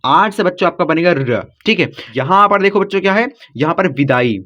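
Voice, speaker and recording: A man teaching children to spell names in English, going slowly letter by letter and checking after each step that they follow. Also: high-pitched, expressive, bright, forceful tone. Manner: patient, repeats "ठीक?" after each step. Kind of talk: blackboard lesson for children. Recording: dull lo-fi audio.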